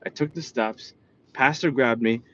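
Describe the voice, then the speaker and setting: A man's voice: medium pitch, unhurried, slight background noise. A man from New York with a New York accent, giving a motivational talk full of personal stories and often asking "right?". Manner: animated, repeats "right?". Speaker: motivational speaker. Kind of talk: motivational storytelling. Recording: dull lo-fi sound.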